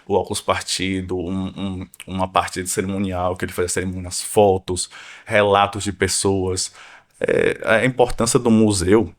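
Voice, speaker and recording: A man with a fairly low voice talks in a relaxed podcast chat. He tells his story with energy and acts out what he thought at the time. He is a guest researcher from Salvador, Brazil. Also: normal speed. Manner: animated storytelling with acted-out quotes. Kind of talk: casual podcast conversation.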